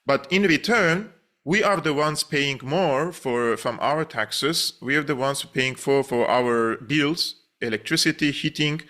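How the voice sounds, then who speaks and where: A man's voice: a little high, unhurried, pushed and bright. A young man from Syria, speaking earnestly and emphatically as a journalist guest in a political interview.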